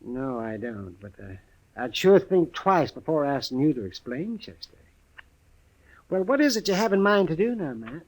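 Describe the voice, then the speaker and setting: Crusty older American frontier doctor, high voice, swooping intonation, querulous, folksy, old-time radio western. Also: male voice, sing-song, moderate pace, rough recording. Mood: skeptical, testy.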